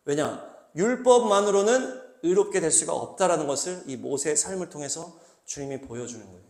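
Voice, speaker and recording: A male pastor preaching a sermon, acting out angry outbursts and questions in an animated way. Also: fairly high pitch, roomy sound. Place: small church hall.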